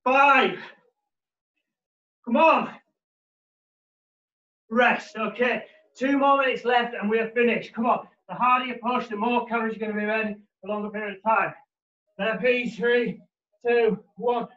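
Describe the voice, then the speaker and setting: A man in his thirties, a personal trainer, leads a live workout in a living room while exercising himself, energetically pushing people with short gym-bro commands. His very high, fairly bright voice stays fairly even, a little slow, with frequent pauses. A far camera mic across the room gives roomy, muffled, distant home audio.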